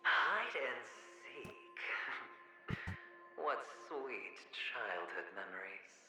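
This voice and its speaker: A man's voice: medium pitch, expressive, extremely slow. An actor playing a sadistic male game villain who taunts with mocking, theatrical menace. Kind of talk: dramatic video game acting. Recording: reverberant voice under loud music.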